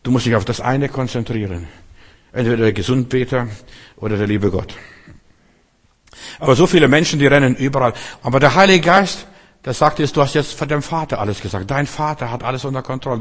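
A man's voice: mid-range voice, moderate pace, big-room sound. A man preaching a sermon, emphatic and repetitive, speaking straight to his listeners with slightly broken grammar.

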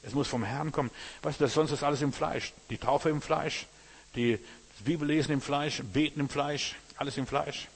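A man's voice: on the high side, fairly even intonation, normal speed, slightly rough. A man preaching a sermon in earnest German-language style, addressing his listeners directly as brothers and sisters.

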